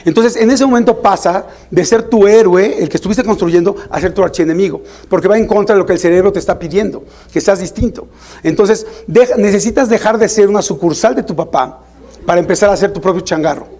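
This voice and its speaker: A man with a Mexican accent, a parent himself, giving an informal, animated talk to parents about teenagers. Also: brisk. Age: adult parent. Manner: animated, acts out parents and teens in higher voices. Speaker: parenting speaker.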